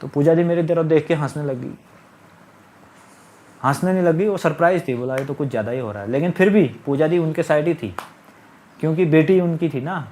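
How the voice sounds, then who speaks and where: A man's voice: fairly high pitch, brisk, pauses often, mellow, slight background noise. A middle-aged man telling a long personal story in a casual, rambling, aggrieved way, repeating his phrases. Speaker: storyteller recounting his marriage. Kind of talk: casual spoken monologue.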